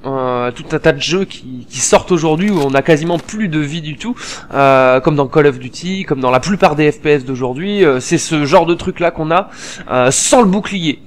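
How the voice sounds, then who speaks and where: A man hosting a gameplay video, chatty and excitable, peppering his casual commentary with slang, swearing and fillers. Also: a little high, normal speed, slight background noise. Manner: many fillers while explaining.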